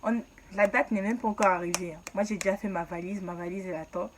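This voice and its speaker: A young woman vlogger from the Ivory Coast telling a childhood story in a casual, lively way, laughing often and exaggerating playfully. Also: mid-range voice, fast talker, background noise.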